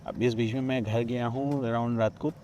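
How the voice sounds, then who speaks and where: A man's voice: mid-range voice, fairly even intonation, normal speed, mellow, a little hiss or hum. A man from Odisha, a podcast guest, retelling a personal ghost story with many quoted lines of dialogue, recorded outdoors at a riverside ghat. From Odisha, India.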